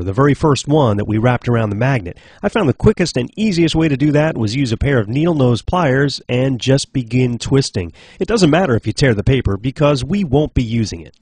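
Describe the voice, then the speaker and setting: With a medium-pitched, slightly mellow voice, the host of a do-it-yourself show walks through scripted instructions step by step in a clear, instructional manner. The recording is dry.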